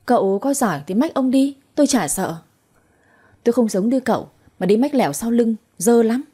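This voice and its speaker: Snappy bitter young woman, narrator doing the voice, raised a bit higher, breathy. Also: animated, normal speed. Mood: resentful. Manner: sharp, resentful and quarrelsome. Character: spiteful young woman, bickering granddaughter.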